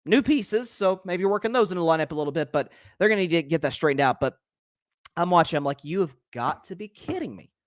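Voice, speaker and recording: The solo host of a sports talk show, a young man, has a slightly high, expressive voice and talks fast with lots of animation. He repeats words to build his case and reads viewer comments, all in a dry recording of studio quality.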